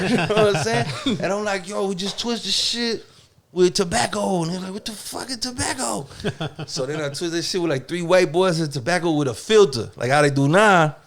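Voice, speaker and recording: A man's voice: high-pitched, moderate pace, fairly bright tone. A man in his forties from Germany, a guest telling a profane story with laughs on a casual podcast. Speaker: guest rapper.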